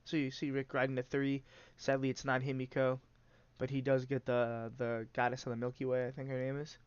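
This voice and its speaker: A man's voice: medium pitch, monotone, a little fast, smooth, no echo, muffled recording. A man with a congested, stuffy nose hosting and giving casual, rambling play-by-play commentary on a card game. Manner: rambling, many "uh" fillers, restarts. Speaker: host and commentator.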